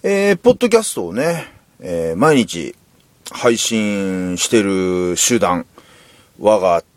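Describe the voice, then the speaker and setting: A man's voice: on the low side, animated, slow pace, no room sound. A man with a Kansai accent hosting a solo podcast, talking in a rambling, candid and self-deprecating way. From Kansai, Japan. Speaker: podcast host. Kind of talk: casual solo podcast monologue.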